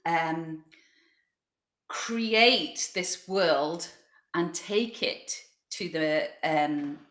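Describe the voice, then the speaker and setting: A woman giving unscripted remarks at an online conference, reflective and hesitant, pausing mid-phrase. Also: low-pitched, a bit bright. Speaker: freelance singing practitioner, panel speaker. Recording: roomy, echoing online audio.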